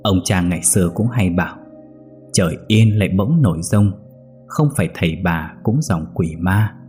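A man's voice: low voice, expressive, moderate pace, a little mellow, soft background music. A man voicing a chatty, superstitious young village woman.

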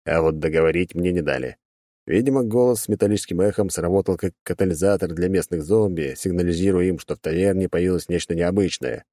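A man's voice: low-pitched, fast, dark tone, dry recording, clean studio sound. A man narrating a first-person audiobook in a wry, sardonic storytelling manner.

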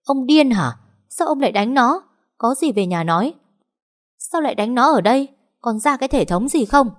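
Woman doing a frantic middle-aged mother, shouting, high, hurried. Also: animated, natural voice. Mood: scolding.

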